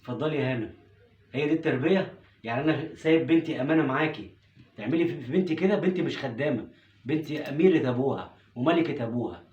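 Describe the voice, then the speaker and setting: A man's voice: medium pitch, quick pace, darkish tone, reverberant, dull audio, lightly acted. A man with an Egyptian accent playing a stern, protective father who scolds and demands answers in a home-made family skit.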